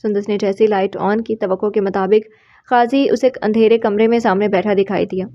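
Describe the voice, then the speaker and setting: A woman narrating a romance novel in a calm, even storytelling voice. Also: medium pitch. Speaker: audiobook narrator. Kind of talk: reading a romance novel aloud. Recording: slightly muffled recording.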